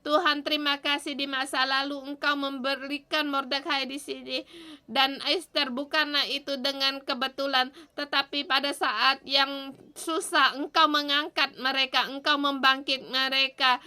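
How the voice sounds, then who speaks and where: Woman preaching a morning devotion, high bright voice, pretty even, earnest pleading prayer. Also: normal speed. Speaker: devotion speaker.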